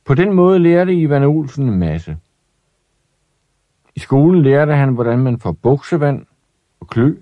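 A man reading a children's story aloud in an expressive, lively way. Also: mid-range voice, pauses often, dry recording, narrow, tinny audio.

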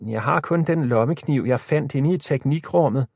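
A man's voice: medium pitch, creaky, a little mellow, slightly rough, no echo, clean studio sound, voice pushed up. A man voicing a cautious, nervous teenage boy in an audiobook story, hesitant and stammering. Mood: worried.

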